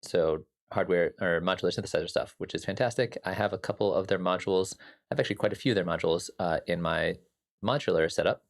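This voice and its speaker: Hosting a relaxed music production livestream, a man talks fast in a low, gravelly, slightly scratchy voice. He rambles with lots of fillers, addressing viewers by name and responding to their chat messages.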